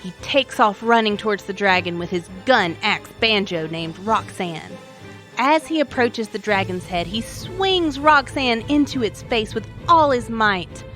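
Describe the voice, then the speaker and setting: A woman's voice: mid-range voice, lively intonation, measured pace, a bit bright, soft background music. A woman hosting a story show, reading a scripted narration of a tabletop adventure in a wry, dramatic way. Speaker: story podcast host.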